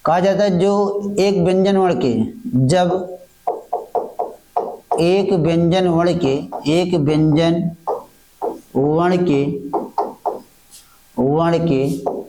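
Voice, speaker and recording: A man's voice: sits high, steady tone, over music. A man teaching an exam-prep grammar lecture, asking questions and answering them himself, repeating each point several times. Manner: slow, halting delivery that restates fragments.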